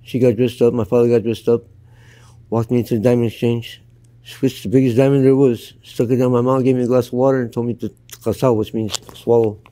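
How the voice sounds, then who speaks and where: A man's voice: medium pitch, flat delivery, a little fast, dark tone. An older man from Canada telling his life story in an interview, blunt and plain-spoken. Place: outdoors in Los Angeles.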